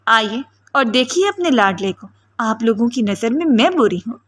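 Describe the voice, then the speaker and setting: A furious young wife in a spoken novel, jealous and shrill, flinging accusations. A woman reads her lines in a somewhat high voice. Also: expressive, fairly bright tone. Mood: bitter.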